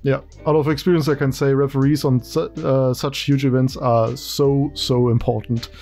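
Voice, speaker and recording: A German-accented man is hosting a casual interview over a video call. His voice is mellow and dark with a gravelly edge. He talks haltingly, with frequent ums and restarts. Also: medium pitch, level tone, faint music behind. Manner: hesitant, many ums and restarts. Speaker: host.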